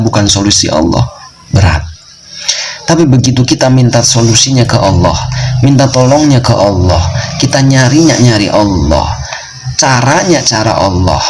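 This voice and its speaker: A man's voice: mid-range voice, noisy background. A male Islamic preacher telling a story in a sermon, repeating phrases for emphasis and speaking to his listeners as friends.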